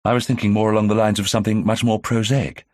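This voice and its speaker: A man voicing a young 1920s gentleman amateur detective in an audiobook, brisk and self-assured as he theorizes. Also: on the low side, level tone, no echo, clean studio sound, pitched above the performer's own voice, natural voice. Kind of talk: audiobook character reading.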